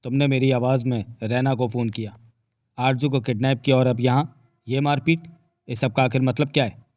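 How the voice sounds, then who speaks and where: A man's voice: medium pitch, fairly even intonation, normal speed, darkish tone, dry recording, natural voice. A man voicing a stern, demanding middle-aged male police officer.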